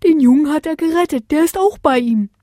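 A woman's voice: sits high, expressive, a little fast, mellow, dry recording, studio quality, pitched above the performer's own voice. A woman voicing an owl messenger that talks in an urgent, insistent way.

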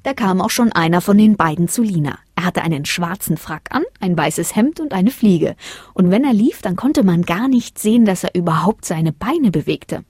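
A woman reading a children's story aloud in a calm, even storytelling voice. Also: on the low side, normal speed, husky, no room sound, clean studio sound.

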